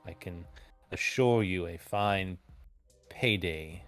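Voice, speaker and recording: A man's voice: low-pitched, a bit bright, soft background music. A man playing a stern, formal merchant. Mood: courteous. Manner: measured, formal and unyielding. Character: shrewd businesslike male merchant collector.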